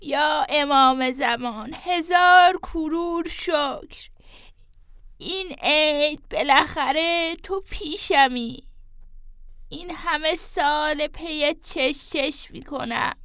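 A woman's voice: sits high, fairly bright tone, no room sound, studio quality. A woman voicing a fussy, tender old woman who pleads affectionately and calls on saints, in an audio story. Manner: affectionate, pleading, with religious exclamations. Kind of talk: audio drama reading.

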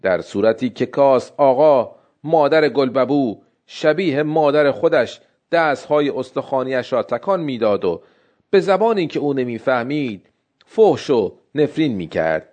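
A man reading a literary story aloud in steady narration. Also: medium pitch, dull audio.

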